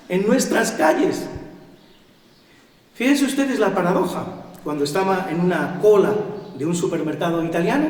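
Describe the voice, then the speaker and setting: Middle-aged Spanish male lecturer, rhetorical and emphatic, high voice, very echoey hall. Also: recorded from a distance. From Spain. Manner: emphatic, rhetorical questions to the audience. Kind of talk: public lecture to an audience. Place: cultural center hall.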